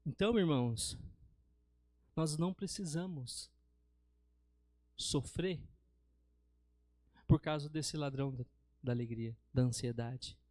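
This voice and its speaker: Speaking slowly with long pauses, a man with a Brazilian accent and a rather high, slightly mellow voice delivers a storytelling sermon in church. He often calls the congregation brothers, and the studio-quality audio has no room sound.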